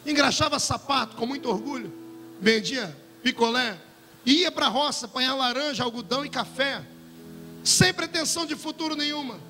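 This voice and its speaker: A male pastor preaching a fiery sermon, building into shouts and sing-song cries. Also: very high-pitched, moderate pace. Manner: impassioned preaching, swelling into shouts and near-singing. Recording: music under a long hall reverb.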